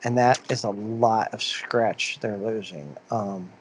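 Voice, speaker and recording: Speaking slowly in a lowish, fairly even voice, a man co-hosts a laid-back podcast with slight background noise. He reads out news items in a rambling way, looping back through uh's and restarts.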